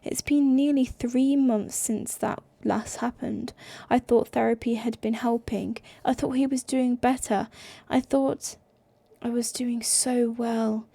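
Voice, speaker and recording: A woman's voice: on the high side, steady tone, slow, creaky, warm tone, no echo. A young woman with a slight lisp giving an amateur audiobook reading, stumbling over words and restarting phrases. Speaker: audiobook reader.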